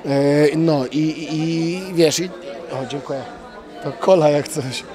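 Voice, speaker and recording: A young man, a fighter, answering post-fight interview questions outdoors into a handheld mic, halting with many fillers and restarts and blunt slang. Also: a little high, crowd noise. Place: outdoors at an event press wall. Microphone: handheld reporter mic.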